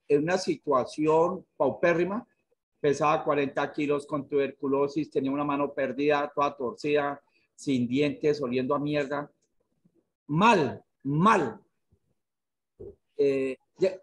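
Husky middle-aged man telling his story. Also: on the high side. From Colombia. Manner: earnest, frank storytelling. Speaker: director of a therapeutic community. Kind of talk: testimony on a video call. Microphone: video call webcam.

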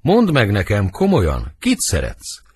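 A man reading the part of Benvolio, Romeo's loyal young friend, with an earnest, husky delivery for an audiobook. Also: on the low side, huge pitch swings, full character voice. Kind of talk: audiobook verse drama reading.

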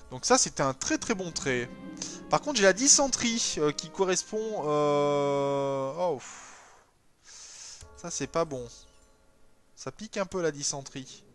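Brief: male gamer, slightly high voice, casual let's-play chatter, hesitant, then bursts of excitement, soft music underneath. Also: normal speed. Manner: thinks aloud, hesitant fillers, sudden excited bursts. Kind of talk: casual strategy game commentary.

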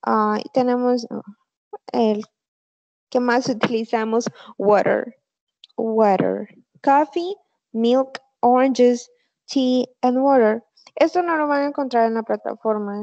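A woman tutors an online English class, walking through examples in a slow, patient way. Her voice sits fairly high but carries a gravelly fry. The call audio sounds dull and lo-fi. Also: darkish tone. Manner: patient, slow explaining with fillers.

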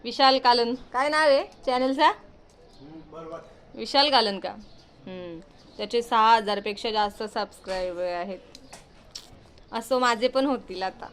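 A woman's voice: a little high, a little slow, pauses often, fairly bright tone. Chatty young Marathi woman vlogging at home. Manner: chatty, playful, coos at cats. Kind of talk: casual family vlog chat. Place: house with family, indoors.

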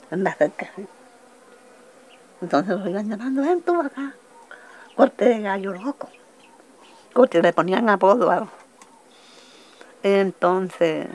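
Gravelly older Colombian coastal woman. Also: low voice. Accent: Colombian Caribbean coast. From Colombia, Magdalena region. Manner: halting, restarting storytelling that acts out quoted voices. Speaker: interviewee, witness. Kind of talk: oral testimony.

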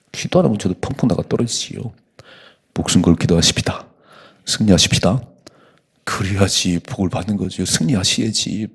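A middle-aged male pastor delivers an early-morning sermon in a church, urging his listeners on and breaking into acted-out lines. His voice is rather low, rough with gravel and deeply husky throughout. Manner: exhorting, acts out dialogue in lively bursts. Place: church sanctuary.

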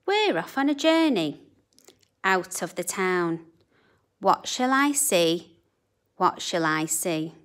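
A woman reading a children's picture book aloud in a slow, sing-song, expressive way. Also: fairly low pitch. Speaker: children's storybook reader. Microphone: camera above a book on a table.

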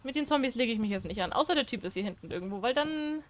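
A woman's voice: on the high side, animated, quick pace, a little hiss or hum. A young woman commenting on a horror game, chatty and jumpy, talking to herself and the characters. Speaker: let's play gamer.

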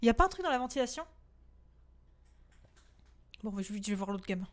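Her voice is fairly high and sing-song as this young adult gaming streamer talks her viewers through a horror game let's-play. Casual and foul-mouthed, she fires off rapid repetitions and lets out shrieks at each fright.

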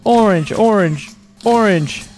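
An amused, jokey man hosting a gaming video, exclaiming and yelling excitably as he comments on the gameplay. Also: high voice, slow, faint music behind, rough recording.

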